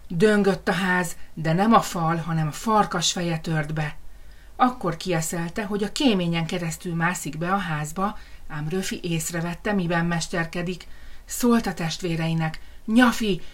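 A woman reading a children's fairy tale aloud in a lively, expressive storytelling manner. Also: on the low side.

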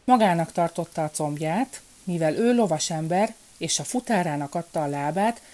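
A woman voicing a clever young peasant girl who calmly explains things in a folk tale. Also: on the low side, natural voice. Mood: explaining.

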